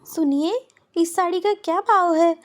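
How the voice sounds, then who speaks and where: A woman's voice: very high voice, unhurried, voice pushed up. A woman voicing a bubbly, cheeky young woman who talks in a chirpy, playful, exclaiming way. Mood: indignant.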